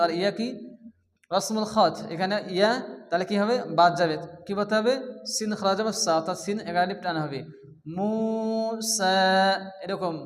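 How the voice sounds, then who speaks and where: High-voiced man teaching in a long echo. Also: a bit bright. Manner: patient, explains and then asks the class questions. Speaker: Quran reading teacher. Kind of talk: step-by-step blackboard lesson.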